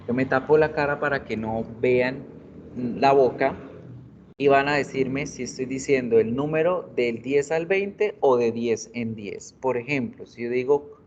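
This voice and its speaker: A man teaching a video English class, patiently repeating words for students to drill. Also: mid-range voice. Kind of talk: bilingual video class lesson. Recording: dull lo-fi recording with faint noise.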